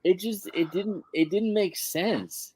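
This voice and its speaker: A man's voice: high-pitched, slow, a little mellow, slightly rough, no room sound. A man co-hosting a wrestling podcast, giving his take in an easygoing, thoughtful casual chat. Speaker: podcast co-host.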